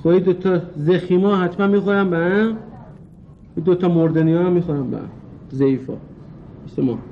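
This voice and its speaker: A man's voice: high voice, steady tone, narrow, tinny audio. A young man acting a stubborn student roommate in a TV comedy drama, grumbling and muttering to himself. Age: young adult.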